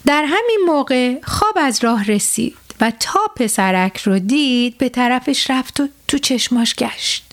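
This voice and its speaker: High-voiced woman reading a children's story. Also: lively intonation. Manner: speaks directly to children, unhurried. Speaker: children's show host.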